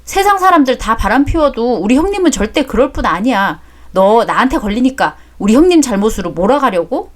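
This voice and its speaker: Lively woman narrator for a radio-style story, voicing the lead herself. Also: a little high, fairly quick, hardly any pauses.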